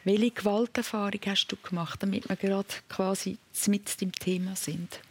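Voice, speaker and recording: A woman with a Swiss German accent hosting a late-night call-in radio show, chatting and gently prompting her callers with questions. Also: mid-range voice, fairly even intonation, normal speed, husky. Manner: conversational, probing, gently prompting.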